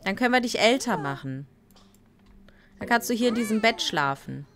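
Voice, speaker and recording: A tired woman streaming a life-sim game, chatting casually and greeting viewers by name with playful asides. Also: a little high. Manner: slow, relaxed talk with playful asides. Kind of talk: casual live-stream commentary.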